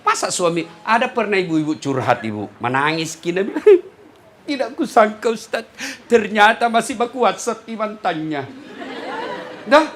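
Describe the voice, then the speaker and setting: Male preacher, bright animated delivery, plays out his stories' voices, faint hall noise. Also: high-pitched, normal speed, some chatter behind. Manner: playful storytelling, acting out quoted voices. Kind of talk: humorous sermon to a congregation.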